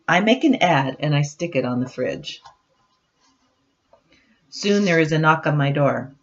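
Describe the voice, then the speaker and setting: A grandmother with a low voice reads aloud expressively and a little slowly, talking straight to the children and adding chatty asides between the storytelling. She is older, and the computer webcam microphone gives the home recording a dull, lo-fi quality.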